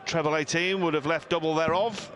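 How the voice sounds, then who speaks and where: A man commentates live on darts in a fairly high-pitched voice. There is clear venue noise behind him as he follows the play. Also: steady tone, fairly quick.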